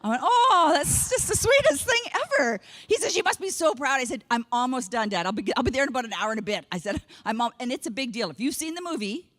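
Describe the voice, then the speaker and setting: A Canadian woman in her fifties delivers a comedic keynote on a conference hall stage, mocking herself and quoting herself and her family in different voices. Her voice sits high and is animated and a bit bright, moving at a quick pace with hardly any pauses.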